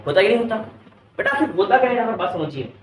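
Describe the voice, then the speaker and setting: Lecturing a class in an echoey room, a male physics teacher with an Indian English accent quizzes students nonstop, calling them "beta." He sounds high and sing-song and moves at a quick pace. The mic is far away, and there's slight background noise.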